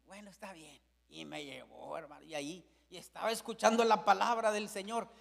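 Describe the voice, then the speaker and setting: A man preaching a fervent Pentecostal sermon, swinging between shouts and hushed storytelling. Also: high voice, animated, fairly quick, creaky, big-room sound. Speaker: pastor.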